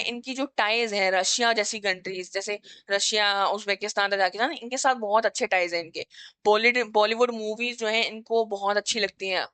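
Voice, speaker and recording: A woman's voice: a little high, fairly bright tone, dry recording. A woman teaching a casual exam-revision lesson, explaining with everyday examples and frequent fillers.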